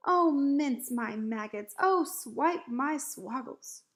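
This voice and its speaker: A woman voicing a big, excitable but kindly male giant in a storybook, dramatic and exclamatory, with quaint mangled grammar. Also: fairly high pitch, measured pace. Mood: anguished fury.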